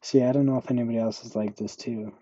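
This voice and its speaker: A young man hosting a solo podcast, thinking aloud slowly in a monotone way. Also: medium pitch, no echo, highs cut off. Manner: slow, monotone, musing. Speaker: podcast host.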